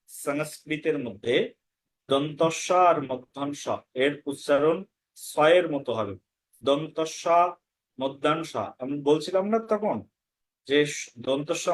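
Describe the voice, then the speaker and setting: A man teaching a scripture class, patiently repeating words to demonstrate correct pronunciation. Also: on the high side. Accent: Bengali. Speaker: Gita course teacher. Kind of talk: pronunciation lesson.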